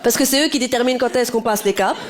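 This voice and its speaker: A woman stand-up comedian, talking directly to the audience on stage in a lively, energetic way. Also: a little high, fast. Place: on stage before a live audience. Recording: live stage with loud crowd noise.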